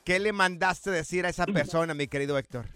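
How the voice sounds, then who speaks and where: A man's voice: a little high, brisk, clean tone, faint music behind. A Mexican man co-hosting a radio show, telling a funny story and laughing as he goes. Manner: animated, laughs at his own stories. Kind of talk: comic storytelling chat.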